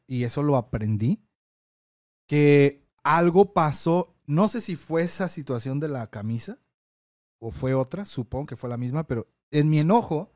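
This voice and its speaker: A man's voice: medium pitch, no room sound. Man, podcast co-host, rambling storyteller, dry close sound. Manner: rambling, animated storyteller with many fillers. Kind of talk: casual chat, storytelling.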